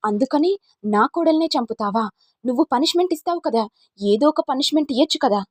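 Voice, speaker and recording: A woman's voice: sits high, expressive, brisk, dry recording, pitched above the performer's own voice. A woman voicing an alarmed elder sister who keeps asking anxious questions. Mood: angry. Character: alarmed older elder sister, demanding answers.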